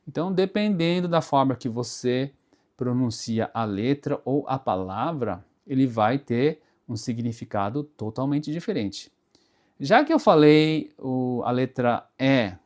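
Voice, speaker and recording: A man's voice: medium pitch, darkish tone. Brazilian man teaching pronunciation, patient. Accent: Brazilian Portuguese. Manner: explains slowly with many tag questions and repeated examples. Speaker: Portuguese teacher. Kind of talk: casual spoken lesson.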